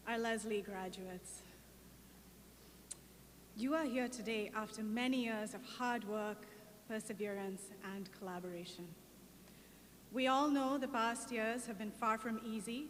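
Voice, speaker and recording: A woman faculty member giving a commencement speech in a slow, emotional, deliberate cadence. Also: medium pitch. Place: large outdoor venue with PA. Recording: reverberant PA sound with faint background noise.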